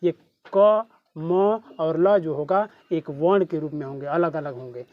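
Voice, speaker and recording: A man's voice: on the high side, unhurried, phone-quality sound. A man with a Bhojpuri accent teaching a class, who keeps asking questions back to his students. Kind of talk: classroom lesson.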